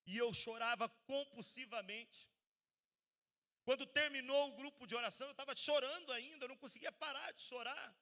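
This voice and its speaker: High, bright Brazilian preacher in a hall. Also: male voice, moderate pace. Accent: Brazilian Portuguese. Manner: intense, swings from hushed to shouting. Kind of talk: sermon testimony. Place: large hall at a church event. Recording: live hall with long reverb.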